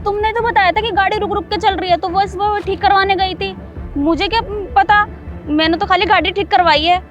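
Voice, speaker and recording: A woman argues defiantly in a scripted drama. Her voice sits very high and she talks at a rapid clip. Soft music runs underneath. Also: fairly even intonation, muffled recording. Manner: argumentative, defiant. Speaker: scheming wife in a short drama. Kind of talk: scripted short-video drama acting. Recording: faint background music.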